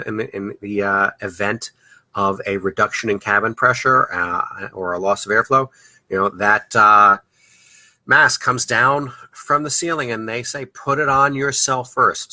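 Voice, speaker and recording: A man's voice: mid-range voice, sharp tone, no echo. A man hosting a parenting podcast, giving advice in a loose, conversational way with frequent "uh" and "you know" fillers. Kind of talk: advice talk.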